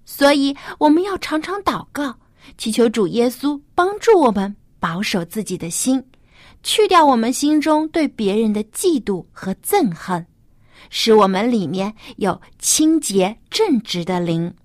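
A woman's voice: fairly high pitch, sing-song, measured pace, darkish tone, dry recording. A woman hosting a children's Bible program, speaking to young listeners as if reading to a toddler, with simple questions put straight to them. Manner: addresses small children directly with simple rhetorical questions.

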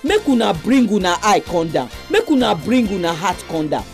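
A woman's voice: fairly low pitch, big pitch swings, moderate pace, faint music behind. A woman with a Nigerian accent, hosting a religious radio program and addressing listeners with exhortations and announcements.

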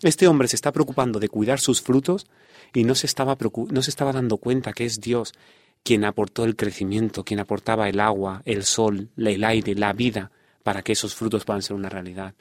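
A man's voice: on the low side, steady tone, fairly quick, dry recording. Man teaching the Bible. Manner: explanatory, quotes scripture, addresses listeners with "fijaros". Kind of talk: Bible study radio talk.

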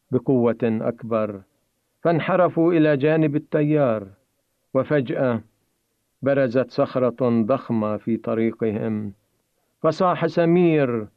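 A man narrates a story in a dramatic, measured read-aloud manner. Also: mid-range voice, dry recording. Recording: tinny phone-like dry recording.

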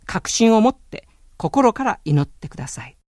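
Calm, earnest male radio preacher, dry sound. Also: sits high, normal speed, dry recording. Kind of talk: radio sermon.

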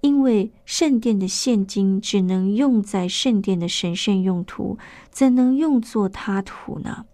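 A woman reading a scripted Bible teaching in a measured, explanatory way, often posing rhetorical questions. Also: medium pitch, warm tone, no room sound.

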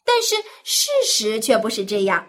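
A woman hosting a children's Bible story, telling it gently and simply as if reading to a toddler. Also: mid-range voice, big pitch swings, normal speed.

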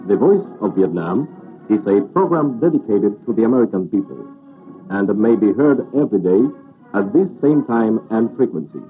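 A man radio announcer heard on an old 1968 broadcast recording, reading formal greetings in a measured way. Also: lowish voice, big pitch swings, narrow, tinny audio, soft background music. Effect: old 1968 shortwave radio recording.

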